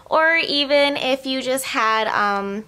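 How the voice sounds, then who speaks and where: Gushy girl doing a haul vlog, kinda high voice, lots of "like" and "oh my gosh". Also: slow, bright, forceful tone. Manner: chatty and gushing, with frequent "like" and "oh my gosh". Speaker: vlogger. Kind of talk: casual try-on haul vlog.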